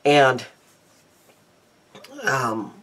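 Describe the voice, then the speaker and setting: A very deep, fairly bright voice with fairly even intonation and drawn-out words belongs to a beauty vlogger in her fifties who sounds congested. She chats about her day and makeup in a rambling daily vlog, with frequent ums. It's filmed on a close webcam in a small home room.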